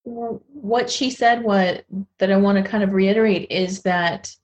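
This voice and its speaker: Lively, laughing woman podcast co-host. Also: mid-range voice, unhurried, muffled recording. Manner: animated storyteller, laughs often, does playful voices. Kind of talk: casual chat.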